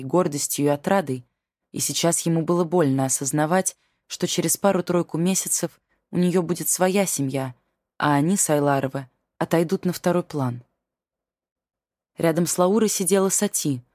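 A woman with a low, slightly mellow voice narrates a novel as an audiobook reader. The scripted narration has clean studio sound with no room sound.

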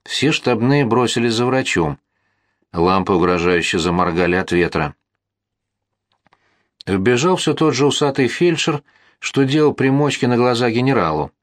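A man narrating a historical novel as an audiobook, in a measured, steady storytelling manner. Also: mid-range voice, no echo, clean studio sound.

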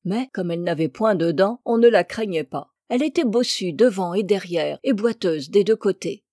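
A woman reading a classic fairy tale aloud in a measured, expressive storybook narration. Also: mid-range voice, no room sound, clean studio sound. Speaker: reader.

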